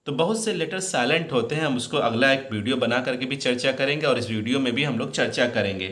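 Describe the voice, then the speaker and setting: A man teaching English pronunciation in Hindi, slowly repeating each word and quizzing his students. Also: medium pitch, a bit bright. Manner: addresses students as "beta", repeats words slowly, asks questions. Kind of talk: pronunciation lesson. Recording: roomy echo.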